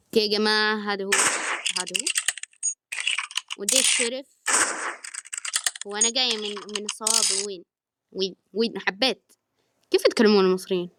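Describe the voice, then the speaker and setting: A woman's voice: mid-range voice, noisy background. A woman chatting through her gameplay in a casual, giggly way, often trailing off while she searches for words. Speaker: gaming channel host. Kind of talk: casual gaming commentary.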